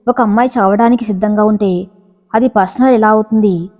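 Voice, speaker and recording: A woman's voice: mid-range voice, steady tone, brisk, mellow, natural voice. A woman voicing an anxious but brave young bride in a spoken story, worried and insistent. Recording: reverberant, slightly dull audio.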